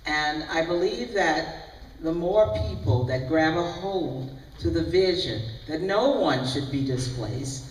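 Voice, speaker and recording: A man on a panel speaks slowly and deliberately in a sermon-like rhythm, with a voice pitched a little high. He sounds far from the mic in an echoey hall with a long reverb. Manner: slow, measured, sermon-like. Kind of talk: panel discussion. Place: large hall at a breakfast event.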